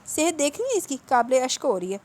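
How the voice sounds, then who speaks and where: A woman's voice: high voice, very animated, darkish tone, pitched above the performer's own voice. A woman reading the part of a playful young friend who teases. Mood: teasing.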